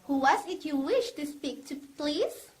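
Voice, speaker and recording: A woman plays a nurses' registry receptionist in a radio play. She speaks in a composed, subdued register, formal and polite. Her delivery stays measured and detached. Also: high voice, animated. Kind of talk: radio drama acting.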